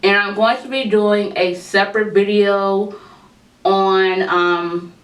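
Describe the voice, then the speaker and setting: A woman's voice: lowish voice, fairly bright tone. A woman vlogger with a lisp from braces, talking casually to her viewers. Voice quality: lisp from braces and tongue crib. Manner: chatty, informal, addresses viewers as y'all. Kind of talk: casual life update vlog. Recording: roomy echo, speaking from a distance to the mic.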